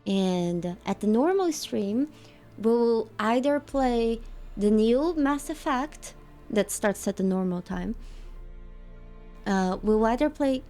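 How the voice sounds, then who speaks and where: A woman's voice: on the high side, animated, slow, dark tone, faint music behind. A woman livestreamer chatting casually with her viewers while gaming, thanking them and answering their questions.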